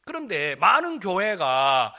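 High, lively-voiced preaching man. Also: takes it slowly. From Jeolla, South Korea. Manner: animated storytelling, acting out quoted speech, questioning the congregation. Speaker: pastor. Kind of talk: sermon.

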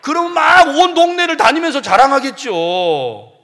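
A man preaching a sermon as pastor, animated and humorous, acting out the voices of churchgoers. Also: very high-pitched, moderate pace. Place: church sanctuary. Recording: long hall reverb.

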